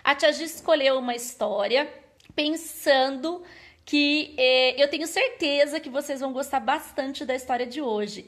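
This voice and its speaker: A woman's voice: high voice, fairly bright tone. A woman who teaches at a children's church service. She tells a Bible story in a sing-song, coaxing way and keeps asking the children questions. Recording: very echoey room.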